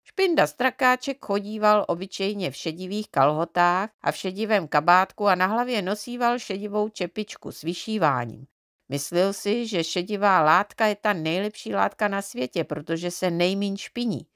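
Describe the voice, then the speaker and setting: A woman reading a children's storybook aloud in an expressive, measured way. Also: medium pitch, dry recording, studio quality. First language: Czech. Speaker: audiobook reader.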